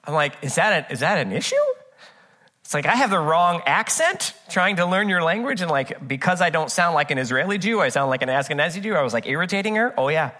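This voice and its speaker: A man's voice: fairly high pitch, lively intonation, fast, few pauses, sharp tone. A man preaching a conversational sermon, reading scripture aloud and telling personal stories with frequent "uh" fillers. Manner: earnest and chatty, with frequent "uh, uh" fillers; tells personal anecdotes with humor. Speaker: pastor.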